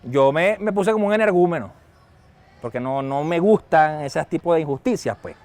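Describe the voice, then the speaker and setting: A middle-aged Venezuelan pastor preaching with a high, bright-toned voice. He tells stories in an animated way and raises his voice sharply when he acts out a scene. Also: moderate pace. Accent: Venezuelan Spanish. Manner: storytelling, animated, shouts when acting out a scene. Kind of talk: sermon.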